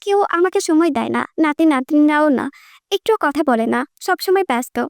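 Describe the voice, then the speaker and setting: A woman's voice: sits high, expressive, normal speed, dry recording, studio quality. A woman playing a grumpy old grandfather. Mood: grumbling. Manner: peevish, scolding.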